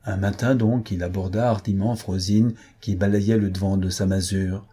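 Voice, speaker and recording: Man reading a story aloud, low voice, husky, dark and mellow, measured. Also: fairly even intonation. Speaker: narrator.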